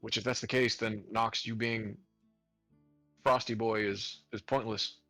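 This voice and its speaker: A man's voice: lowish voice, fairly even intonation, a little slow, pushed and bright, no echo, soft background music. A man at a tabletop game pushes back on his friends' plans with blunt skepticism. He swears casually and talks plainly. The sound is close and dry. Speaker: player.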